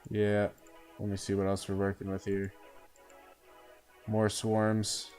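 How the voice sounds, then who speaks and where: A man's voice: fairly low pitch, monotone, slow pace, darkish tone, soft background music. A man giving casual live commentary as he streams a game, thinking aloud and often tagging on "uh" and "right?".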